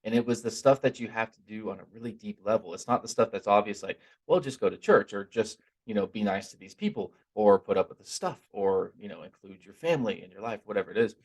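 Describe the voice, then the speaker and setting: A man giving an informal, earnest spiritual talk in a conversational, stop-and-start way, his r sounds softened toward w. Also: on the low side, lively intonation, fast, few pauses. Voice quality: trouble pronouncing r, softened toward w. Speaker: religious teacher giving a talk.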